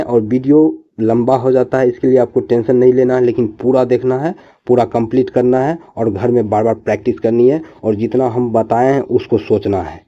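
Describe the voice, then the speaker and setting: A man teaching an online class, explaining slowly and answering his own questions. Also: mid-range voice, highs cut off.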